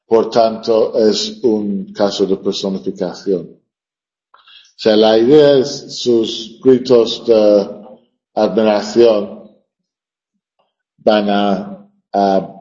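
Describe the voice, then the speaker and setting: Slow, dark-voiced male teacher lecturing. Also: on the low side, steady tone. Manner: hesitant, full of fillers, explanatory. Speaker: literature teacher. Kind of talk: classroom lecture. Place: classroom. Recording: dull lo-fi classroom recording.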